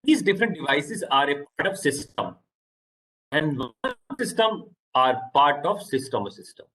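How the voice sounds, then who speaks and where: A man with an Indian English accent giving a halting online lecture over a video call, often repeating words. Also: fairly high pitch, very animated, bright, forceful tone, slight background noise, low-quality recording.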